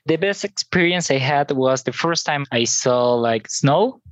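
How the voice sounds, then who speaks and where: A guest from Venezuela, a native Spanish speaker with a Venezuelan Spanish accent, chatting easygoingly in loose, halting phrases. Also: medium pitch, animated, no echo. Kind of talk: casual interview chat.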